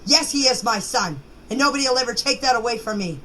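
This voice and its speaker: Her pitch sits fairly high, with lively intonation and a somewhat bright tone. This middle-aged or older member of an online group chat speaks off the cuff in voice messages, insistent and on the defensive, tripping over names and words and repeating herself frequently. Noise fills the homemade recording.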